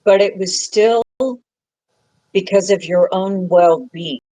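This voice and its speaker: A woman hosting a psychic podcast, giving a frank, emphatic reading to a caller and scolding him gently. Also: fairly low pitch, steady tone, slow pace, no room sound, poor audio. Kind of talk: casual live call-in reading. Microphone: phone app recording.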